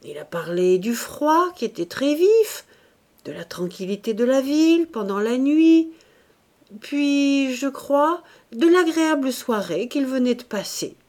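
A woman voicing a patient, gentle middle-aged wife who answers calmly in an audiobook reading. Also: lowish voice, unhurried. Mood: patient, mild. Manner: calm, patient, mild.

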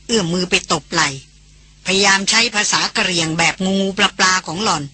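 An audiobook narrator reading a novel in a steady storytelling manner. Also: medium pitch, a little fast, husky. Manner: steady storytelling, voicing each character.

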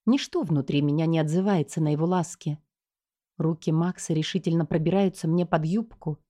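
A woman's voice: low-pitched, brisk, dark tone. A woman reading a first-person story aloud as an audiobook narrator, in a tense and dramatic way.

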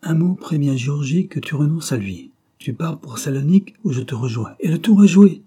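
A man's voice: on the high side, animated, normal speed, mellow, slightly rough, pitched above the performer's own voice. A man voicing a jealous man who threatens and blackmails a young woman, in a hard, mocking tone. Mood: threatening.

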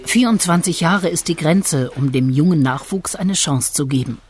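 A woman reporter giving calm, measured, scripted documentary narration. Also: low voice. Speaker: radio reporter. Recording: narration over loud music.

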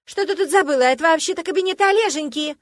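Shrill whining mistress, jealous and spoiled, played by a woman. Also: fast talker, dry recording. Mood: indignant. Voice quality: shrill, squealing. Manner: loud, overacted whining.

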